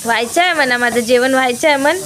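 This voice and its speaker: A woman in her thirties talks through her day at home in a casual family vlog, her voice sitting a little high. She chats to viewers and coaxes a small child along in raised tones, recorded on a phone with a faint hiss behind her. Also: fast, fairly bright tone. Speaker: family vlogger.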